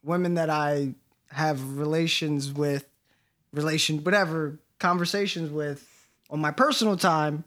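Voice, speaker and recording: A man's voice: a little high, steady tone, a little slow, a bit bright. Easygoing joking young man co-host. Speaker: podcast co-host. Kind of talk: casual chat.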